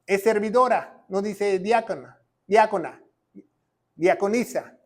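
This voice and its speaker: A man preaching a teaching sermon in a notably high voice. He drives his points home by repeating phrases and keeps checking in with his listeners as he teaches from a whiteboard. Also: takes it slowly. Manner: emphatic, repeats key phrases, frequent "¿va?" check-ins. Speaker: pastor and Bible teacher.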